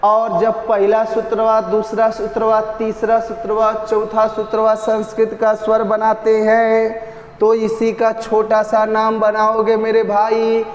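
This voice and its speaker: A man's voice: sits high, monotone, a little slow. A man teaching an exam-prep lesson, repeating terms and chanting lines to drill them. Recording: echoey roomy reverb.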